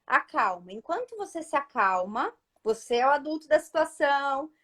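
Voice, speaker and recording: Brief: mother as guest speaker, high voice, patient and explanatory, frequent "right?" asides. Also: moderate pace. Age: adult mother. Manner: calm, explanatory, often checks in with listeners. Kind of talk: live talk giving parenting advice.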